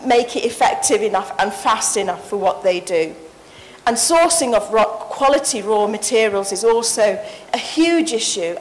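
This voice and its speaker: A woman's voice: a little high, a little hiss or hum, poor audio. A woman, giving an earnest, passionate conference talk into a handheld mic on a stage. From Sri Lanka. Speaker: conference paper presenter. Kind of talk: conference presentation.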